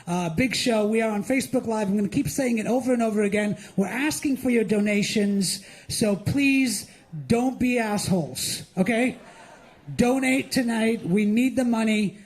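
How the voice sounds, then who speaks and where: A man with a very high voice performs animated stand-up before a live audience. He is middle-aged and grew up in India. His manner is mocking and playful. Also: moderate pace. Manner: animated, mocking, with lively acted-out asides. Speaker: stand-up comedian and host. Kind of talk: stand-up comedy set.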